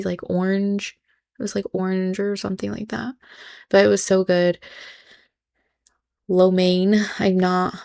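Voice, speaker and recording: A woman's voice: fairly low pitch, creaky, warm tone. A woman hosting a reaction video, giving blunt, sarcastic commentary. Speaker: host.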